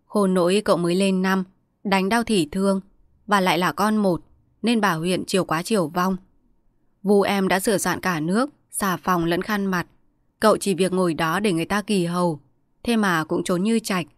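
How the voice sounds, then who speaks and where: A woman narrating a short story in a measured, even storytelling voice. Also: fairly low pitch, no room sound, studio quality. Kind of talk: scripted story reading.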